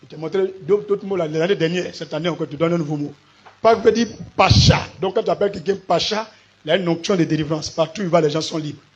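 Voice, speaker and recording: Man, Ivorian French accent, husky voice, fairly high, preaching sermon, quizzes listeners. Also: fast, muffled recording. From Côte d'Ivoire. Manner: preachy, spells words out letter by letter, asks the congregation questions. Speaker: pastor.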